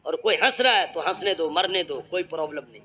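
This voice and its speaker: A man from Bengal preaches at a public religious gathering with a high, light voice. He tells stories and jokes in a humorous way and builds to shouted exhortation. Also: lively intonation, husky. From Bengal, India. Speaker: Islamic preacher.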